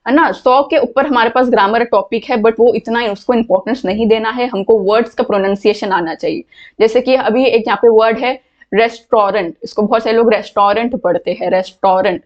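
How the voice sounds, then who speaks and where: A woman's voice: on the high side, muffled recording. A woman teaching an online English class, explaining patiently and repeating words to model how they are said.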